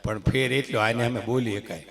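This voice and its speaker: A man's voice: mid-range voice, normal speed, gravelly, fairly bright tone. A middle-aged man telling jokes and stories on a live stage mic and leading the audience in applause. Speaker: stand-up comedian on stage. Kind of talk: live folk comedy monologue. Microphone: stage microphone.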